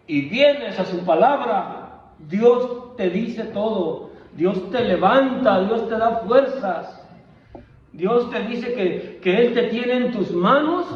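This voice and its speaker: A man delivers a fervent sermon in a notably high voice. He often restarts phrases and repeats words. The recording is echoey and dull. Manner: fervent, repetitive preaching with frequent restarts. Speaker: pastor. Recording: echoey room, dull lo-fi sound.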